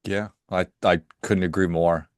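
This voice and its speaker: A man hosting a podcast interview, affirming his guest and wrapping up with smooth outro patter. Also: sits low, steady tone, measured pace, no echo, studio quality. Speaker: podcast host.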